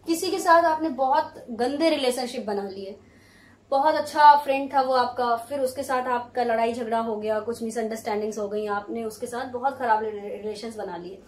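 High-voiced woman teaching, echoey room. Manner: explanatory, models English phrases slowly. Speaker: English teacher. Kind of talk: spoken English lesson explained in Hindi. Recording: echoey room, voice from some distance.

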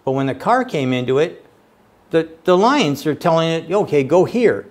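A man's voice: a little high, sing-song, moderate pace. An older man hosting a casual interview, talking in an enthusiastic, rambling way and stumbling over repeated words. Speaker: host.

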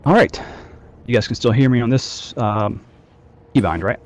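A male squad trainer leads a game training session via group voice chat, his instructions casual and sprinkled with fillers. He has a mid-range voice at normal speed, and the audio sounds dull.

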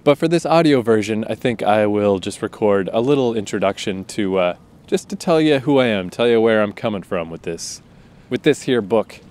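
A Canadian man in his thirties with a fairly low voice, talking loosely and informally. He rambles from one thought to the next, swears freely and leans on fillers. It sounds like a relaxed spoken intro to a podcast. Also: normal speed. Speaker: podcast host and author.

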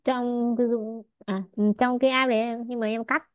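A woman's voice: a little high, flat delivery, normal speed, no room sound. A woman student answering her teacher politely and a little hesitantly during an online lesson. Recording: dry, lo-fi call audio.

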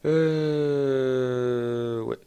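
A young man giving casual, excitable let's-play commentary on a football management game, chatty and self-mocking as he thinks aloud. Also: mid-range voice, extremely slow, clean tone. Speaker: gaming YouTuber.

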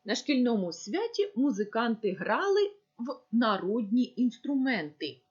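Husky woman teaching a slow lesson. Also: a little high, very animated, highs cut off. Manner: slow, deliberate dictation-like delivery. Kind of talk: recorded video lesson.

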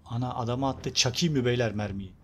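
A young man casually commenting on his own gameplay, chatty and excitable, talking to his viewers and urging on the game character. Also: mid-range voice, fast talker, slight background noise. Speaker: gameplay video host. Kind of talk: casual let's-play commentary.

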